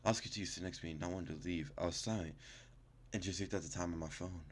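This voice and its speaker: A gaming YouTuber with a deep voice reads game text aloud at a quick pace with fairly even intonation. He stumbles and corrects himself as he goes, adding casual reactions.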